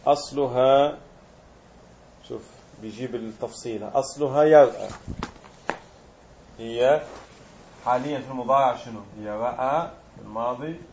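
A man's voice: mid-range voice, a little mellow, lo-fi sound, a little hiss or hum. A man teaching a grammar lesson, explaining step by step and quizzing his students.

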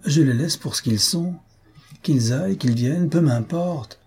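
Gossipy fussy old lady, a man reading her, higher and excited, dark mellow husky tone. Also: measured pace. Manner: excited, exclaiming, talkative. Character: chatty gossiping older woman, fussy and self-important.

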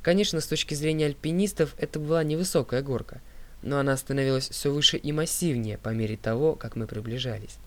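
A man reading an audiobook as narrator, in a steady, clear voice that drops low on speaker tags. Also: fast talker. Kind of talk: scripted narration.

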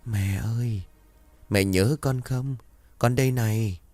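A man's voice: slow, darkish tone, no echo, lightly acted. A man voicing a small vengeful ghost girl in a spoken horror story, in a raised voice. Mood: pleading. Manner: pleading then accusing, higher voice.

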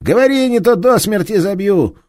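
A brutal detective roars and threatens in a high, strained voice, as a male reader puts him on. The delivery is loud and lively, rising and falling sharply. The recording is dry and close. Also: moderate pace, no room sound. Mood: furious. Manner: bellowing, threatening. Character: brutal furious male police detective, middle-aged. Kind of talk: audiobook character reading.

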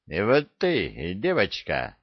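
A man's voice: low voice, huge pitch swings, slow, no echo, lo-fi sound, full character voice. A man voicing a tall, mocking male army drill sergeant who barks scornful orders at recruits in an audiobook. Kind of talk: audiobook character voice.

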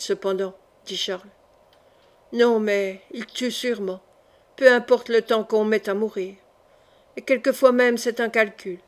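A woman narrates a classic novel as an audiobook, keeping her reading steady and even through every part. Her voice sits a little high. The delivery stays plain and scripted, without changing into distinct character voices. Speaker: audiobook reader.

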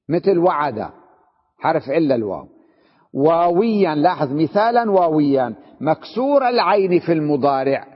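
A man with a fairly high voice lectures on Arabic grammar, asking questions and checking that his students follow. His voice rings with a long reverb, as in a large hall, and the recording is muffled and lo-fi. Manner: explains with questions and repeated checks. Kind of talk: classroom lecture.

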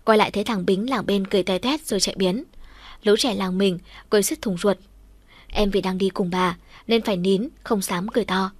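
A woman's voice: brisk, no room sound. Woman narrating a story, dry close sound. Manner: lively storytelling, louder and higher for shouted quotes. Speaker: audiobook narrator. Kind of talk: first-person story narration with voiced dialogue.

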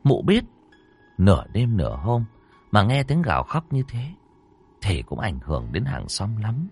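A man narrating a ghost story in an expressive, dramatic storytelling manner. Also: on the low side, measured pace, slightly rough. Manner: expressive, rising and falling storytelling. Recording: dry close mic with faint music.

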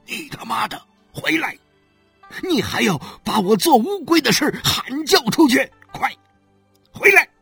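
An audiobook reader playing an angry, humiliated husband who scolds harshly over soft music. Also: mid-range voice, huge pitch swings, a little slow, husky, no echo, pitched above the performer's own voice, heavily acted. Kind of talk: audiobook character voice.

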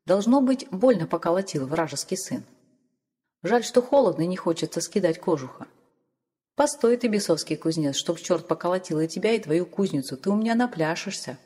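A woman's voice: lowish voice, animated, a little fast, dark tone, husky. A woman voicing a sly, cowardly older village man who mutters indignantly to himself. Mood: grumbling. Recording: long hall reverb.

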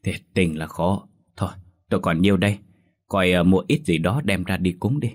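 A man's voice: deep voice, normal speed. A man voicing an outspoken, kind-hearted middle-aged village woman, scolding and exclaiming. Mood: sighing, resigned.

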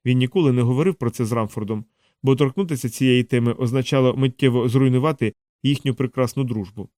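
A man narrating an audiobook in a steady, even storytelling manner. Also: mid-range voice, fast talker, no echo, studio quality. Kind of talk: scripted narration.

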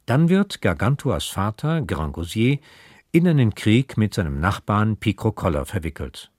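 Husky, low-voiced radio presenter. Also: male voice, sing-song, normal speed, darkish tone, dry recording, clean studio sound. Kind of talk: scripted introduction.

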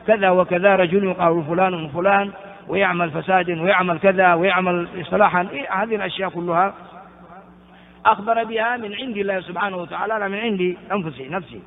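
With a gravelly, high voice, a man gives a tafsir lesson as an Islamic scholar, frequently restarting and asking rhetorical questions while explaining Quran exegesis at length. He slowly chants verses in between, captured on a tinny, phone-like recording full of long reverb.

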